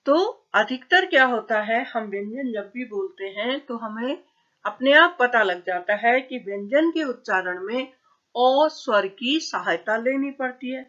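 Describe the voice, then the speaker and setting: A woman teaching a grammar lesson at a slow, deliberate pace, in a somewhat high voice. She asks questions and answers them herself, and the recording sounds dull and lo-fi. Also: expressive, a bit bright. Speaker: school teacher.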